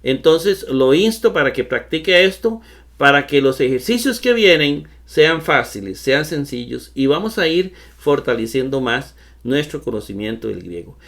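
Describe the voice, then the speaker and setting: Lively, animated male Greek teacher. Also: mid-range voice, normal speed. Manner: patient, repetitive, addresses viewers as brothers. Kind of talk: recorded online lesson.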